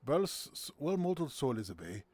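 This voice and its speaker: A man's voice: medium pitch, sing-song, fast talker, a little mellow, breathy edge, no room sound. A man hosting a casual game night on his stream, playful and giggly, tossing in silly sound words. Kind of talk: casual gameplay commentary.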